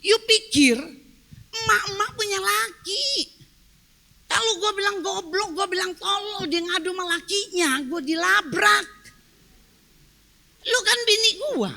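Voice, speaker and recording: A woman's voice: very high-pitched, animated, measured pace, long pauses, sharp tone, pitched above the performer's own voice, heavily acted. A woman preacher voicing an angry young husband who scolds his wife with blunt, coarse slang. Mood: scolding.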